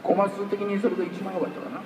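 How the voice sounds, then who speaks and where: A man talking casually on stage at a live talk event, telling stories in a chatty way. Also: fast talker. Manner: chatty, storytelling, lively pitch swings. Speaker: voice actor guest at a talk show. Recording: echoey hall, far from the mic, faint hiss.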